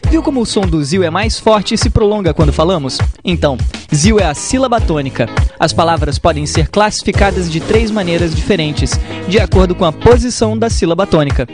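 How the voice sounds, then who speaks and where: A man presenting a short grammar lesson, speaking slowly and clearly with playful examples. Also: high voice, animated. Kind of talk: scripted educational narration. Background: music.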